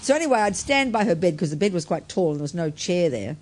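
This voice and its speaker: A woman with a husky, rough, low voice tells a story to a gathered audience. She teaches Buddhism in an easygoing, conversational way, often adding a casual "you know.". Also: big pitch swings, a little fast, darkish tone. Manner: plain, conversational, tags phrases with "you know". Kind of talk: storytelling talk to a live audience.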